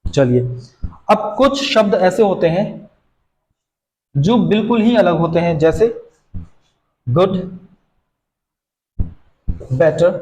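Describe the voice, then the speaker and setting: His voice high and mellow, echoing off the walls of a bare room, a teacher guides his class through grammar rules. He tends to ask a question and then supply the answer himself.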